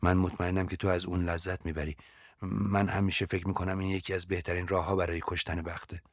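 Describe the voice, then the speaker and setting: A man voicing a lonely young woman in love, soft and pleading, in a very deep voice. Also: little pitch movement, no echo, clean studio sound. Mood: wistful.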